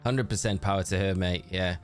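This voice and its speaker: With faint music playing behind him, a man talks casually on a live stream while shiny hunting, reading chat, naming viewers in greeting and calling them mate. He speaks in a low, steady voice, slightly quickly.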